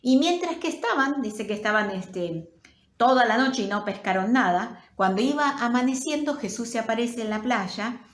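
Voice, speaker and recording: A woman's voice: fairly high pitch, animated, moderate pace. A woman pastor with a Rioplatense Spanish accent, preaching in a storytelling way with rhetorical questions. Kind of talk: sermon. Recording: roomy with faint noise.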